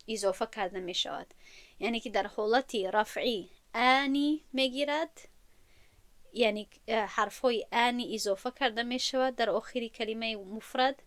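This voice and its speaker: A woman teacher gives a grammar lesson, explaining patiently step by step and repeating key terms. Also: a little high.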